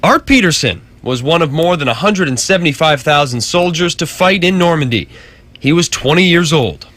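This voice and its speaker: A man's voice: a little high, lively intonation, moderate pace, fairly bright tone. A man with an American accent reading scripted narration as a television news reporter.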